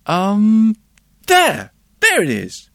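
A man's voice: huge pitch swings, very slow, gravelly, fairly bright tone, no room sound, clean studio sound, exaggerated voice. A man voicing a flustered, forgetful little boy who stammers and hesitates as he talks. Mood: sheepish. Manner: stammering, breathless, high and eager.

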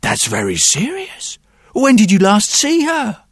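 A man's voice: sits high, wildly swooping pitch, measured pace, slightly rough, dry recording, studio quality, voice pushed up, heavily acted. A man as a patient, disbelieving policeman. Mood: incredulous. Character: patient, incredulous neighbourhood policeman.

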